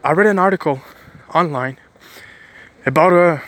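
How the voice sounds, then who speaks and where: A man's voice: on the high side, moderate pace, fairly bright tone. A man giving a preachy motivational monologue, stressing points by repeating phrases and often restarting his sentences. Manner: rambling with frequent restarts.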